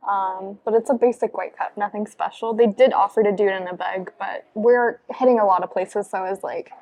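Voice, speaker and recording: A young female vlogger chats casually from a cafe couch indoors, bubbly and peppering her talk with "like" and "um." Her mid-range voice holds a steady tone and a darkish color, and she speaks a little fast.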